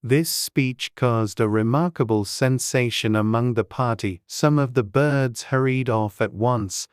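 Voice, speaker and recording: A woman's voice: very deep voice, measured pace, clean tone, dry recording, clean studio sound. A woman narrating a classic storybook in a dramatized audiobook reading.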